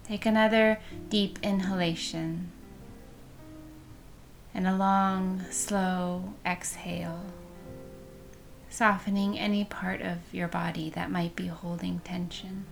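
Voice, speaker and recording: A woman leading a guided meditation in a soft, soothing manner, with breath showing at the ends of phrases. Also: fairly low pitch, flat delivery, takes it slowly, gravelly, long pauses, faint music behind.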